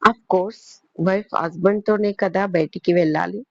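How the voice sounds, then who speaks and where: A woman's voice: on the low side, steady tone, normal speed, vocal fry, dry recording, dull audio. A woman voicing a playful, bold young heroine in a spoken audio story. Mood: teasing. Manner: teasing, spirited.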